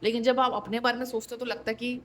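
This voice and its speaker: Tarot reader, woman, higher voice, conversational and direct, repeats for emphasis. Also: flat delivery, quick pace, slight background noise. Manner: direct and conversational, often checks in with "ठीक है"; repeats points for emphasis, with wry disbelief. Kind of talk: tarot reading addressed straight to the viewer.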